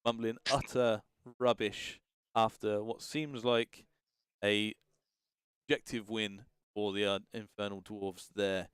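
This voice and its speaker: A man's voice: lowish voice, little pitch movement, takes it slowly, a bit bright, smooth, no room sound. A man hosting casual live commentary on a tabletop tournament, informal and hesitant as he thinks aloud. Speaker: livestream host and commentator.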